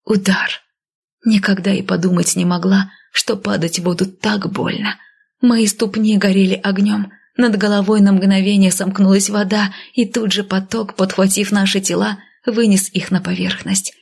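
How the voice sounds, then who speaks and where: A woman narrates a fantasy audiobook in the first person, with a husky, gravelly voice. She voices a headstrong heroine lively, slipping into whispers for tense lines. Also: medium pitch, normal speed.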